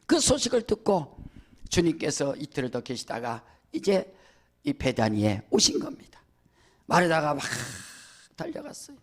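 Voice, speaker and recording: A middle-aged male pastor preaching a sermon, emphatic, with rising shouted lines and questioning asides to the congregation. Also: on the high side, wildly swooping pitch, normal speed, pauses often.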